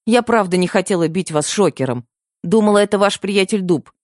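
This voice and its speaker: A man's voice: high voice, lively intonation, a little fast, no echo, clean studio sound, pitched above the performer's own voice. A man voicing an impulsive young woman, the story's heroine, who blurts things out in a raised voice. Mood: pleading. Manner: blurting, breathless pleading.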